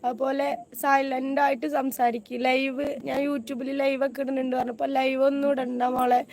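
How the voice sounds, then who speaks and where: Hoarse, agitated high-pitched woman. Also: level tone, moderate pace, a little mellow. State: hoarse voice after throat surgery. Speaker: YouTuber and widowed mother of five. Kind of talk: emotional video complaint.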